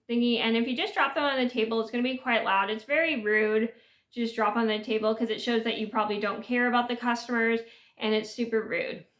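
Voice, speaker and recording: A woman's voice: a little high, sharp tone. Earnest woman vlogging from an echoey bedroom. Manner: earnest, repetitive, with frequent restarts and fillers. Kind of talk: casual talk to camera. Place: small bedroom with sloped ceiling.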